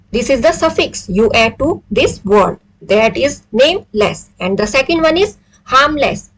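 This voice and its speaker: A woman's voice: high-pitched, slightly rough, rough recording. A woman with an Indian accent explaining an English vocabulary exercise to students, mixing Hindi and English and answering her own questions. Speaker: English teacher.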